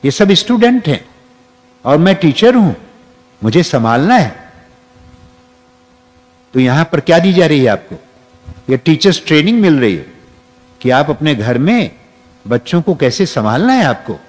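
A man's voice: fairly high pitch, sing-song, measured pace, long pauses. A man giving a spiritual discourse to an audience, leading guided affirmations and repeating phrases. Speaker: spiritual teacher. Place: large hall with an audience. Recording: long reverb from a hall.

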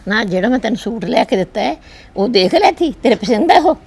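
An older woman playing a frail, loving village grandmother who gently consoles her daughter in a family drama. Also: a little high, very animated, quick pace, breathy edge, heavily acted. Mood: consoling.

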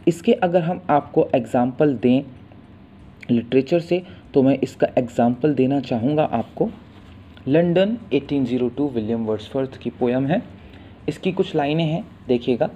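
A man teaching a literature lesson, explaining terms patiently and repeating sounds to drill them, reading English definitions slowly before explaining them in Hindi. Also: mid-range voice, warm tone, dull audio, slight background noise.

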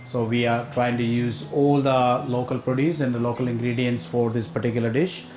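A man's voice: mid-range voice, fairly even intonation, normal speed, darkish tone, a little hiss or hum. A man in his forties with a South Indian accent, talking informally as a chef in an interview. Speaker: executive chef, interview guest. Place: open-air hotel pavilion demonstration table. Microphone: lapel mic. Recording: roomy echo, music underneath.

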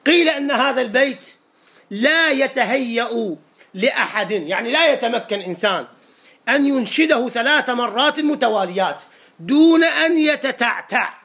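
A man with an Iraqi Arabic accent, a sheikh giving a classroom lecture on rhetoric. He explains by asking and answering his own questions and reads quoted lines slowly and deliberately. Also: extremely high pitch, lively intonation, sharp tone.

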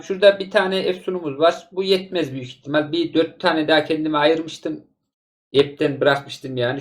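A man giving calm, matter-of-fact gameplay commentary as a gaming YouTuber, sending greetings to his viewers. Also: a little high.

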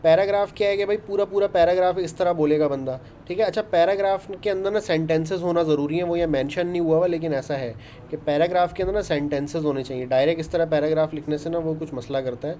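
Guy explaining code, chatty, mellow tone, bit of background noise. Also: on the high side, fairly even intonation, quick pace, hardly any pauses. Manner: chatty, explains step by step with frequent "ṭhīk hai". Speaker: programming instructor. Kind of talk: casual coding lesson.

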